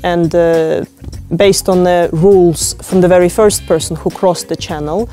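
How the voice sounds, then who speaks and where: Soft music plays behind this interview with an open-water swimmer from Ukraine, a native Ukrainian speaker. She talks reflectively and without hurry, her low, mellow voice fairly even, often pausing on fillers and starting over.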